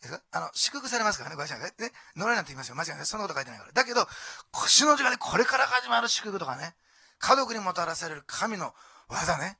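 A man with an Osaka accent preaches a sermon in a high, bright, gravelly voice at a quick clip. He drops to near-whispers and then rises to loud exclamations, peppering his talk with rhetorical questions. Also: very animated, dry recording. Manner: dramatic, swinging from hushed whispers to loud exclamations. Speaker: pastor.

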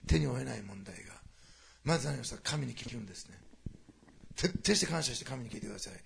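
A man preaching a sermon to a congregation, moving quickly between quiet storytelling and loud, animated passages. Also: mid-range voice, vocal fry, a crowd in the background. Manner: fast, animated preaching that swings from hushed asides to loud climaxes. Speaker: pastor.

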